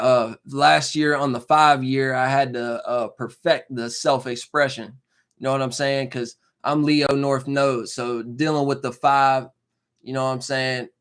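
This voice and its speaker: A man's voice: mid-range voice, fairly bright tone. Rambling young man in his twenties. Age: 20s. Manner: rambling, slangy, full of fillers and "you know what I'm saying". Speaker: live streamer. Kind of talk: casual live-stream chat.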